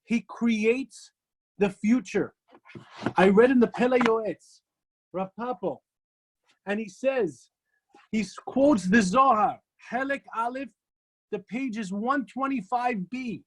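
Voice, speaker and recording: A man's voice: extremely high pitch, takes it slowly, pauses often. A man, a rabbi, giving an ethics class, who tells stories in an emphatic style and repeats phrases for effect.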